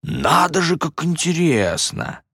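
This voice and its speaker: A man voicing a smug stage magician with a slow, drawn-out, mocking showman delivery in a storybook reading. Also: on the high side, wildly swooping pitch, bright, forceful tone, breathy edge, no echo, clean studio sound, pitched above the performer's own voice, full character voice.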